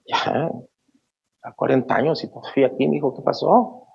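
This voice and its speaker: A man voicing an exasperated middle-aged father who nags his grown son, in a gravelly, husky voice. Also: mid-range voice, normal speed, darkish tone, lo-fi sound, voice pushed up, exaggerated voice.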